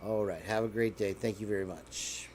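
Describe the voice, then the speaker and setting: A man's voice: fairly low pitch, fairly even intonation, moderate pace, darkish tone, a little hiss or hum. A man leaving a polite, formal voicemail, asking for a call back with small hesitations. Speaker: livestream host.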